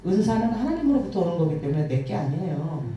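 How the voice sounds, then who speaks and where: A woman's voice: fairly low pitch, fast, a little hiss or hum. A woman preacher giving an emotional testimony sermon, telling stories vividly with sighs and acted-out quotes. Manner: animated storytelling, acting out quotes, sighing. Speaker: guest preacher. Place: church sanctuary. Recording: echoey hall from far off.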